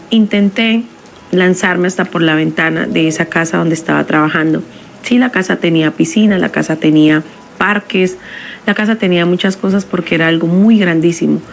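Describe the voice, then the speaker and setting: A woman telling a first-person story in a somber, measured confessional way. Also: lowish voice, creaky, slight background noise.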